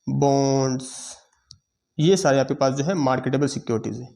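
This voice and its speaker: A man teaching accounting in a lecture, explaining step by step and checking in with his students. He has a sore throat and often clears it. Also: mid-range voice, normal speed, dark tone. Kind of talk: classroom lecture.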